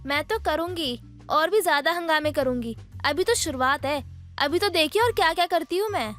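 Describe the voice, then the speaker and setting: A woman voicing a quarrelsome young daughter-in-law in an animated story, combative and taunting. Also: high voice, normal speed, soft background music. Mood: angry. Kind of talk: animated cartoon voice acting.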